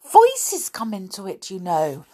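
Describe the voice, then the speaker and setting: A woman's voice: medium pitch, wildly swooping pitch, slow, warm tone, breathy edge, full character voice. A woman voicing an anxious, earnest male toy soldier who pleads and warns. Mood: anxious pleading. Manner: pleading and worried.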